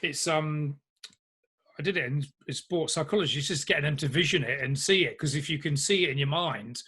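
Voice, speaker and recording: A man's voice: fairly high pitch, fairly quick, breathy edge. A man in casual conversation, telling stories and acting out quotes. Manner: animated storyteller, acts out quotes. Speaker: host. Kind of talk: casual chat.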